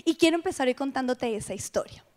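A middle-aged woman giving an animated personal testimony to a women's gathering, dropping now and then to hushed whispers. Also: high voice, fast talker.

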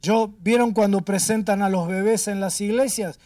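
A man preaching a storytelling sermon, now raising his voice, now dropping to a hush. He sits some way off from the mic, in a dry room with little echo. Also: high-pitched, fairly even intonation, normal speed, distant mic. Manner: emphatic, swinging between raised and hushed delivery. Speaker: pastor.

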